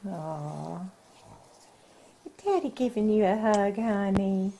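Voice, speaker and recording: A woman chats warmly on a family vlog, cooing and laughing between lines. Her voice sits at an ordinary middle pitch, with a faint hiss of noise behind her. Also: expressive, takes it slowly, vocal fry. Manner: cooing, doting, laughs often. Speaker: vlog host. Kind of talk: casual family vlog chat.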